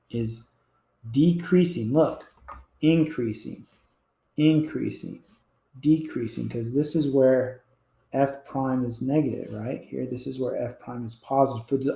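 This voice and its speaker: A man with a gravelly, mellow voice walks a class through a calculus problem at the board. He talks casually and lets his sentences fade quietly at the end. The sound carries the echo of a roomy classroom. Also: medium pitch. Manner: casual and explanatory, trails off quietly at ends of points. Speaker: math teacher.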